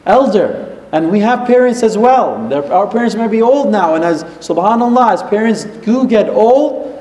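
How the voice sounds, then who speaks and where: A man's voice: sits high, animated, moderate pace, a little mellow. A man preaching an earnest sermon, telling a moral story and using frequent religious phrases. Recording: echoey hall.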